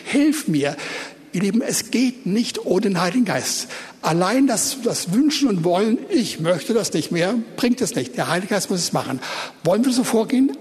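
Man, pastor, high voice, earnest sermon and prayer, speaks straight to the congregation, church hall, long reverb. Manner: earnest, addresses the congregation directly.

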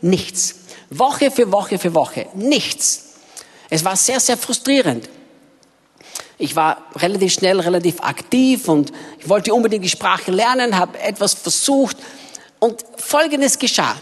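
A woman interpreting a sermon in the first person, with an emphatic, expressive storytelling manner. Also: mid-range voice, a little slow, husky. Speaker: interpreter for a preacher. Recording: echoey hall reverb.

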